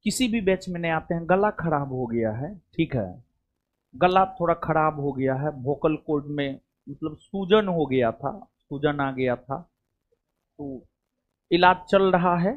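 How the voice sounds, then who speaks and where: A coaching teacher addresses his class in a loose, chatty, rambling way, repeatedly checking in with the students and saying "theek hai" again and again. His voice is on the high side and animated, at a measured pace, with phone-quality sound.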